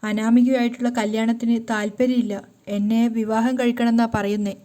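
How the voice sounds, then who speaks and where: A woman's voice: a little high, level tone, brisk, mellow, lightly acted. Woman reading an upset younger sister.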